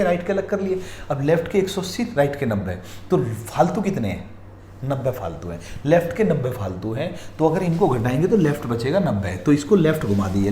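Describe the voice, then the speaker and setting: Guy teaching exam reasoning, mellow voice that swings up and down a lot, echoey room. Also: medium pitch. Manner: repeatedly urges viewers to pause and look carefully. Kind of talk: explaining practice questions. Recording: echoey room, faint noise.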